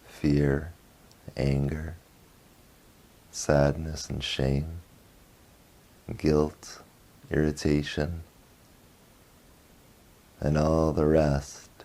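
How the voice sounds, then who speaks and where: A meditation teacher leads a guided meditation in a very low, mellow voice. He speaks slowly and flatly in short phrases with little rise and fall, leaving long pauses between them.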